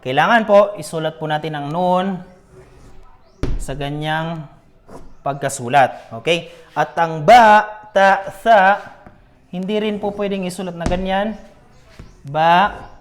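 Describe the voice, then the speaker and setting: A man's voice: sits high, slow, long pauses, slight background noise. A man teaching a beginner Arabic lesson, patiently repeating each letter sound and checking in with his students.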